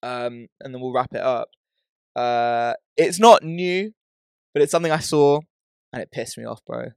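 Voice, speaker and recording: A man's voice: mid-range voice, moderate pace, creaky, clean tone, no echo, studio quality. A young man with a London roadman accent, chatting casually in slangy, emphatic, matey banter as a podcast host. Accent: London roadman, urban British slang.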